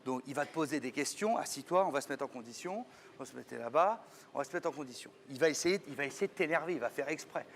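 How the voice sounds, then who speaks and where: A man in a comic stage sketch who talks in a hesitant, rambling way full of restarts and breaks into furious yelling. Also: a little high, animated, fast, a little hiss or hum. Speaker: sketch partner who plays the show's presenter.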